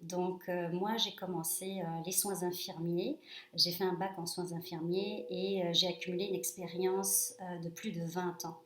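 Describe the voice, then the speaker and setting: Woman in her forties from France, fairly low voice, casual self-introduction with lots of fillers, roomy echo. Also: moderate pace. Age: 40s. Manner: relaxed, hesitant with frequent fillers. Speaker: reflexologist presenting her practice. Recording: echoey room.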